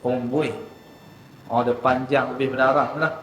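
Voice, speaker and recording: A man's voice: mid-range voice, flat delivery, a bit bright. Man teaching recitation in an echoey mosque. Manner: demonstrates letter sounds slowly, then explains briskly. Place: mosque hall. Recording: echoey mosque hall with faint ambience.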